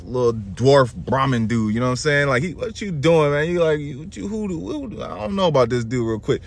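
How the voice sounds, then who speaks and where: A man voicing a suspicious, scheming guru who needles the king in street slang. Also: mid-range voice.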